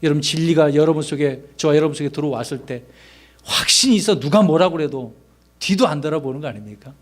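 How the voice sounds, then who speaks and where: A man's voice: on the high side, fast. A man, a pastor, preaching a sermon in a conversational way, asking his congregation rhetorical questions and acting out the lines he quotes.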